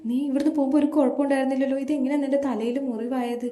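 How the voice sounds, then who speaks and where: Woman reading a fretting older father, higher and louder. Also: steady tone, very fast, echoey room, lightly acted. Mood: worried. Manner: fretful, scolding with care. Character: worried older father, fretting over his son.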